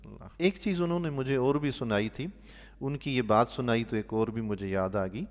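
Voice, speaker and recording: Speaking in a mid-range voice inside a large hall, an imam offers storytelling Quran commentary like a sermon. He gets animated, swelling loudly to stress points, and sinks into quiet softness whenever he utters pious exclamations.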